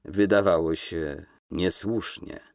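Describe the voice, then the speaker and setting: A man's voice: low-pitched, big pitch swings, slow, vocal fry, exaggerated voice. A man reading an audiobook, voicing an embarrassed, reluctant young man who answers in a subdued, hesitant way. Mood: awkward.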